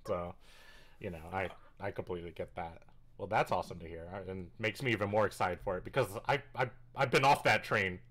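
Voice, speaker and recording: A man co-hosting a casual podcast chat, chatty and quick to laugh. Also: sits low, fairly bright tone. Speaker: podcast co-host.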